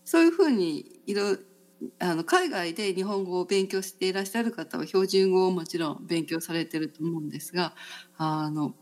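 A woman hosts a relaxed conversational podcast. Her voice swings widely in pitch as she chats. She laughs often and fills pauses freely. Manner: chatty, laughs often, many fillers. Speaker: podcast host. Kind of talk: casual conversational chat.

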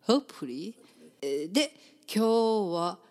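A woman with a Kansai accent hosts a community radio show from the studio. Her voice is a bit hoarse, and she talks in a chatty, filler-filled way, laughing often. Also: medium pitch, expressive, moderate pace, a little mellow. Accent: Kansai Japanese. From Kansai, Japan. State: slightly hoarse voice.

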